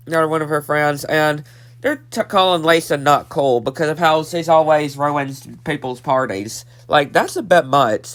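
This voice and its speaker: A nineteen-year-old man with a stuffed-up nose casually recaps a cartoon episode as a reviewer, repeating himself and using lots of fillers. His voice is on the high side with a fairly bright tone.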